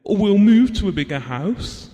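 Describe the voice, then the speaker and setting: A man with a high, sing-song, warm voice speaks at a moderate pace, acting the part of a devoted middle-aged husband in an audio drama. Fond and wistful, he looks back tenderly through theatrical monologue and dialogue, all bathed in long reverb like a hall.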